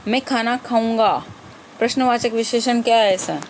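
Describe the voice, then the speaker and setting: A woman's voice: fairly high pitch, steady tone, moderate pace, a little hiss or hum. A woman teacher going through exam-prep grammar questions, patiently repeating each question and its options aloud.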